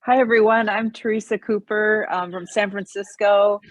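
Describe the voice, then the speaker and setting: A woman's voice: mid-range voice, steady tone, moderate pace, dry recording, low-quality recording. American woman, eager chatty self-intro over a call; dry close sound. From United States. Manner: eager, chatty with many fillers. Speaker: meeting participant. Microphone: video call.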